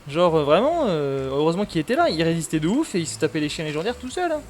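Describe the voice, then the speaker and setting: A man's voice: on the high side, big pitch swings, quick pace, slight background noise. A man chatting casually on a gaming stream, rambling with lots of fillers.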